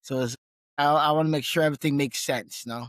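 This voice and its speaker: Easygoing man from Guyana, slightly high. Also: fast, no room sound. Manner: relaxed, repeats and restarts, says "man" often. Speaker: guest, gym owner and fitness trainer. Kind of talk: casual interview conversation.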